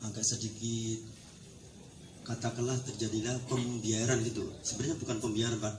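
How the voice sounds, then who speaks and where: A man who is a neighborhood unit head and a teacher, earnestly putting a question to a police officer at a community meeting. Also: mid-range voice. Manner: earnest, repeatedly addresses the officer as Pak. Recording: echoey room with clear background noise.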